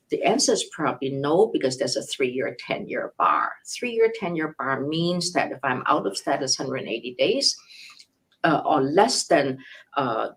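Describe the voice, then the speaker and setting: Heard on a poor-quality recording, this low-voiced older woman is an immigration lawyer fielding questions live. Her explanations come in numbered steps backed by worked examples, and she frequently restarts and corrects herself.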